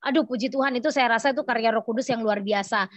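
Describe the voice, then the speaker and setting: A woman giving a church testimony, telling her story to the congregation, acting out the quoted dialogue and pausing often with hesitant fillers. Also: fairly high pitch, no room sound. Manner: addresses the audience as Bapak Ibu Saudara, acts out quoted dialogue; hesitant, many fillers and restarts. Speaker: testimony speaker.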